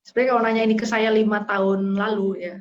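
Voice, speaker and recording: A young woman giving a casual religious talk as a guest speaker, telling lively stories and acting out scenes with sound effects. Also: medium pitch, fast, muffled recording, slight background noise.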